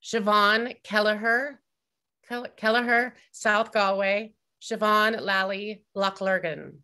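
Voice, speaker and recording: A woman's voice: medium pitch, fairly even intonation, slow pace, bright, forceful tone, clean tone. A woman presenting an award over a video call, reading out names carefully and stumbling on some.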